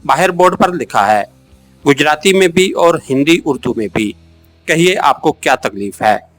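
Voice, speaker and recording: A man's voice: a little high, lively intonation, moderate pace, a bit bright, soft background music. A man voicing a curt, annoyed herbal doctor. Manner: grudging, clipped speech. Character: middle-aged male herbal doctor, curt and irritated.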